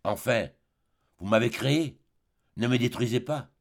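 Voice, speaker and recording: A man's voice: medium pitch, a little slow, vocal fry. A man reading an audiobook, voicing a naive, timid young male artist who speaks hesitantly and earnestly.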